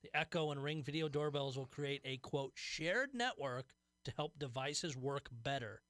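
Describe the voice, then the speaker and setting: A man's voice: medium pitch, level tone, moderate pace, fairly bright tone, dry recording. A man co-hosting a talk radio show, reading tech news items aloud with a wry, amused edge.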